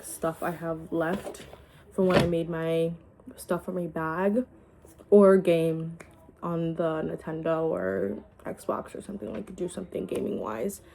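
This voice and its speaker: A woman in a casual vlog, talking around a piece of gum. Her voice sits low and mellow, and she rambles with lots of "like"s and restarts. A faint hum of room noise sits behind her. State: chewing gum. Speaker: vlogger.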